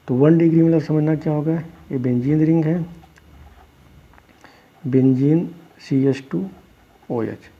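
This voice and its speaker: A man's voice: medium pitch, vocal fry, breathy edge. A male chemistry teacher giving a classroom lecture, explaining step by step and answering his own questions. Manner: explains step by step, asks students questions and answers them himself; calls students "beta". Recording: dull lo-fi recording.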